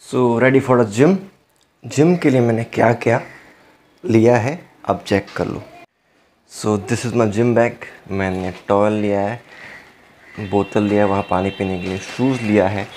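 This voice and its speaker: Slow-talking young man vlogging to his phone. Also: lowish voice, fairly even intonation, darkish tone, slight background noise. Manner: chatty, mixes Hindi with English phrases. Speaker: fitness vlogger. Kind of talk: casual vlog chat to camera. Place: small indoor room.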